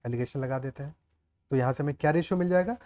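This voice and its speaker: A man's voice: medium pitch, fast talker, mellow. A man teaching a maths lesson step by step, often checking with the class whether they follow. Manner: explains aloud, often checks the class with "clear?" and "okay".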